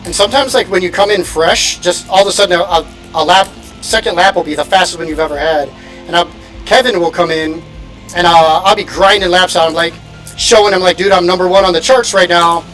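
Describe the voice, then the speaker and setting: A man from Indiana chatting quickly and casually while sim racing on stream, laughing often. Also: high-pitched, a bit bright, low-quality recording. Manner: fast-talking, laughs often. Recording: music playing in background.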